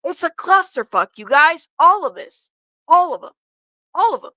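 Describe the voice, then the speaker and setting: Her very high voice has a sing-song lilt, bright and forceful, at normal speed. She's a congested livestream host giving casual commentary, blunt and sweary, talking directly to chat through a stuffed-up nose. The audio is lo-fi with no echo.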